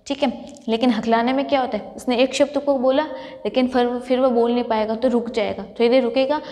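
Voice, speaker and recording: A woman lecturer teaches a college class in a high, slightly mellow voice, working through each point by posing a question and answering it herself. The long echo of a large hall runs through the recording.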